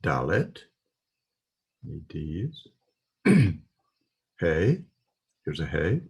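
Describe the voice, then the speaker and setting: A man's voice: low-pitched, slow pace, slightly rough. A man giving a patient, methodical alphabet lesson, working through a text letter by letter. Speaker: Hebrew teacher. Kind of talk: slow spoken alphabet lesson.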